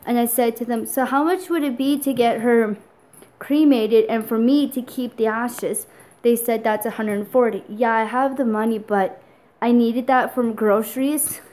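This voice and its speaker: A woman's voice: fairly high pitch, fairly even intonation, normal speed, a little mellow, low-quality recording. A young adult woman vlogging casually, tearful and rambling, with lots of fillers as she tells a story.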